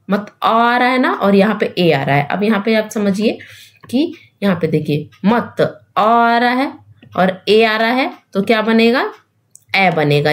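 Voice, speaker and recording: Woman teaching grammar slowly, keeps asking the class questions and answering herself, drops english words in. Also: mid-range voice. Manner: repeats rules and asks questions back to students; mixes English terms into Hindi explanation. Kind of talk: exam-prep grammar lesson.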